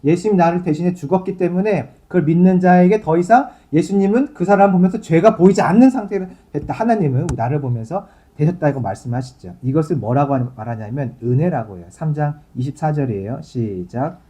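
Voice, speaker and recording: A man's voice: fairly high pitch, a little fast, few pauses, warm tone. A male pastor giving a sermon in a conversational, explaining way, reading scripture aloud and then talking it through for his congregation.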